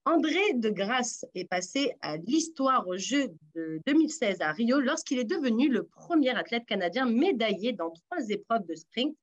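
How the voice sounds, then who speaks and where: Woman, quiz host, teasing and upbeat, fairly high voice. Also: sing-song, moderate pace, hardly any pauses, muffled recording. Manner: teasing, encouraging contestants. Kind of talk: lively radio quiz hosting.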